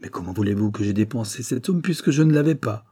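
A man's voice: fairly low pitch, lively intonation, fast, dark tone, no room sound. A man reading a desperate accused secretary. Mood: indignant. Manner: agitated, indignant protests. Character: banker's secretary, desperate man protesting innocence.

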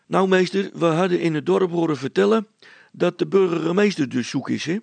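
A man voicing an eager young village man who tells his story in a breathless, excited rush. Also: a little high, moderate pace, vocal fry, dry recording, voice pushed up.

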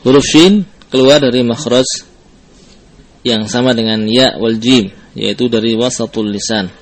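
A man leads a recitation lesson at a slow, deliberate pace, voicing letter sounds with care and repeating them. His pitch sits in an ordinary middle range. He weaves Arabic terms into his explanations. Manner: patient, demonstrates letter sounds over and over. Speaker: Quran recitation teacher. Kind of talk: tajwid lesson with drills.

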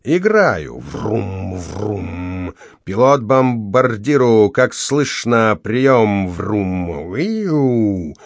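A man voicing an elderly mother who plays bomber pilot, shrill and gleeful, with noisy sound effects. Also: sing-song, very slow, no echo, clean studio sound, exaggerated voice.

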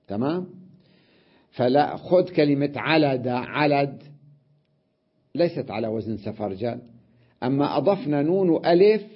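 A man's voice: a little high, breathy edge. A male scholar giving a classroom grammar lesson, explaining step by step and often checking that students follow. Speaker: Islamic scholar teaching grammar. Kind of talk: classroom lesson on Arabic morphology. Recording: dull lo-fi recording.

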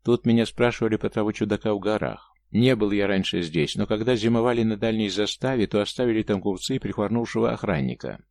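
A man voicing a gloomy, taciturn male warrior who speaks gravely and disapprovingly. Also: fairly low pitch, fast, few pauses, a little mellow, dry recording, natural voice.

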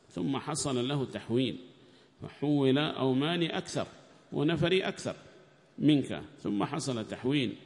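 A man teaching a lecture on scripture commentary. He reads the text aloud loudly, explains it more quietly, and quizzes his students. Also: medium pitch. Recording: long reverberant hall.

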